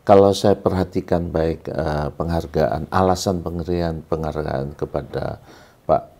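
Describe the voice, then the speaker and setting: A man, an ambassador, answering an interview question in a slow, deliberate way. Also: rumbling low, fairly even intonation, creaky, dark tone. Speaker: ambassador, guest.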